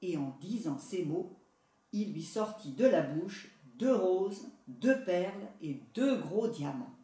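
A woman reads a fairy tale aloud in a steady storytelling voice with a mellow, warm tone. The sound is roomy, with her voice set back from the microphone. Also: on the low side, slow pace. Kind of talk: storybook narration. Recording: echoey room, voice far from mic.

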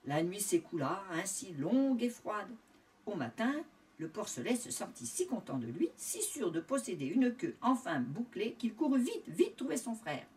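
A woman reading a storybook aloud to young children, expressive and sing-song. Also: mid-range voice, moderate pace, recorded from a distance.

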